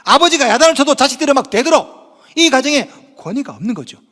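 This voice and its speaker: A man's voice: very high-pitched, lively intonation, fast talker, a bit bright, big-room sound. A man preaching a sermon as pastor, emphatic and full of rhetorical questions, in a church sanctuary.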